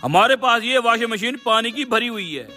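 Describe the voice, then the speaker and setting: A man acting in a comedy sketch, loud and gloating, taunting the other man. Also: very high voice, animated, moderate pace, faint music behind. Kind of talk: comic sketch dialogue.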